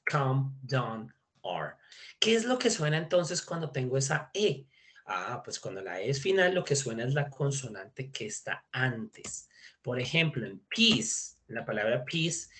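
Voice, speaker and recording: A man's voice: mid-range voice, sing-song, normal speed, a bit bright. Man, English teacher, online class, chatty, mixes in English. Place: video call.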